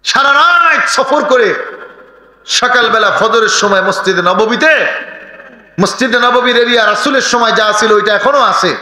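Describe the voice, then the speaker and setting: Man preacher, high ringing voice, melodic chanting sermon, reverberant hall PA. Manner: melodic chanting delivery with sudden swoops in pitch and loudness. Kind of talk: sung Bengali sermon.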